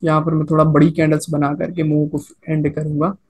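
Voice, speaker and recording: A man's voice: on the high side, little pitch movement, a little fast, a little mellow, slightly rough. A man teaching a trading lecture over a chart. He talks casually, mixes in English trading terms, repeats his points and keeps checking in with "okay" and "right?". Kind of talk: screen-recorded chart lecture.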